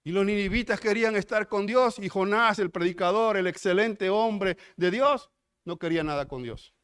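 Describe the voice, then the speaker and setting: A man's voice: high-pitched, normal speed, fairly bright tone, clear, resonant tone. A man with a Mexican accent preaching a sermon, emphatic and full of rhetorical questions to the congregation. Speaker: pastor.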